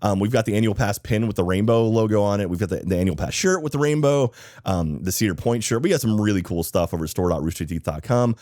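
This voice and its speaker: A man's voice: lowish voice, animated, quick pace, darkish tone, dry recording, studio quality. A man hosting a podcast in a casual, chatty, enthusiastic way, his voice slightly off because he is sick. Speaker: podcast host.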